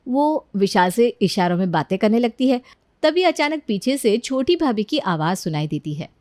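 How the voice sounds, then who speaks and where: A woman narrating a cartoon story in calm, scripted storytelling. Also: a little high, normal speed, no room sound, studio quality.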